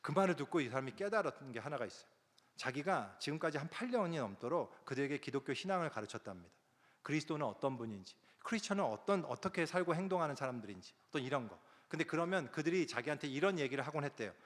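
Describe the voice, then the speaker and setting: A man's voice: a little high, fast talker. A man preaching a sermon as a pastor, telling a story and acting out the prayers and words of the people in it. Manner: animated, acts out quoted prayers and dialogue. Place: large church sanctuary. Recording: long hall reverb.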